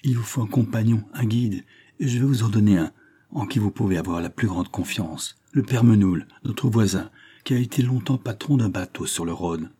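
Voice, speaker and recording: A man's voice: lowish voice, moderate pace, warm tone, slightly rough. A man reading an audiobook, voicing an anguished but resolute young noblewoman with a raised, pleading voice. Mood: earnest. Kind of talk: audiobook reading of a classic novel.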